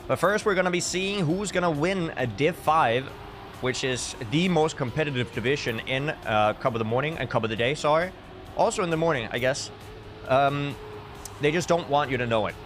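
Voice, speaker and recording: A man from Denmark with a fairly bright voice on the high side speaks at a normal speed on a casual live stream, chatting and commentating on a game as an esports caster. Music plays in the background, and his humour is dry and tongue-in-cheek.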